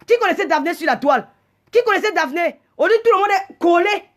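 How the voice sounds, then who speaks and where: A woman's voice: extremely high pitch, animated, fast talker. A woman, hosting a livestream and delivering an indignant, scolding rant. She stumbles over repeated words as she talks. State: agitated. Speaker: livestream host. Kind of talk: heated live rant.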